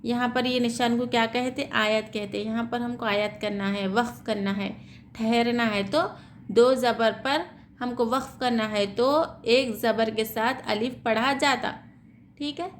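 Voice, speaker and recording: A woman's voice: on the high side, steady tone, a little hiss or hum. Woman teaching Quran reading rules. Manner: slow, drawn-out syllable-by-syllable spelling; explaining rules with repeated "theek hai" checks. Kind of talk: tajweed lesson, spelling out letters.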